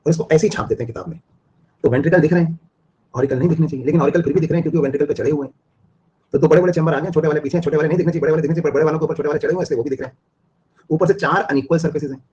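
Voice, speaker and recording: A man's voice: a little high, dark tone, slightly rough, lo-fi sound. A man teaching a live online biology class, repeating and drilling his points and asking students questions. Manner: repetitive, drilling explanations, asks students questions.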